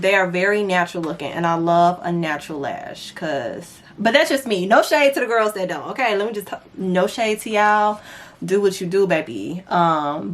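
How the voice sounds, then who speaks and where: A woman's voice: mid-range voice, a bit bright. Chatty young woman doing makeup. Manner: chatty, playful asides, addresses viewers as y'all. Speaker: beauty vlogger. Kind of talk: casual makeup tutorial chat.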